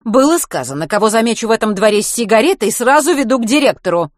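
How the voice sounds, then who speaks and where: A woman voicing a strict, suspicious female deputy head teacher who scolds loudly. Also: a little high, lively intonation, fast, no room sound, clean studio sound, pitched above the performer's own voice, lightly acted. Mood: scolding.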